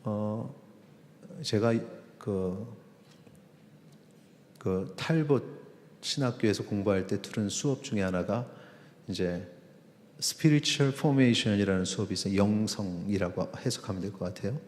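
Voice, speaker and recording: A man, a pastor, preaching a sermon in a conversational way, with pauses and acted-out quotes. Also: lowish voice, darkish tone. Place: church sanctuary. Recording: long reverb of a church hall.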